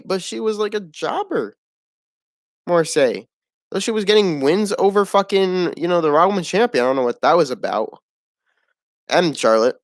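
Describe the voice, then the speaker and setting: A man's voice: fairly high pitch, no room sound. Blunt rambling man with a dry close mic. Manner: rambling, blunt, swears often, laughs at the show. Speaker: wrestling show reviewer. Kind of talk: casual opinionated review.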